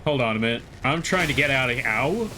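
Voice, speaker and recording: A man's voice: medium pitch, lively intonation, brisk, bright, forceful tone, slight background noise. A man streaming a game live, chatting playfully, reading chat aloud and joking with the game as he plays. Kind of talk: live gameplay commentary.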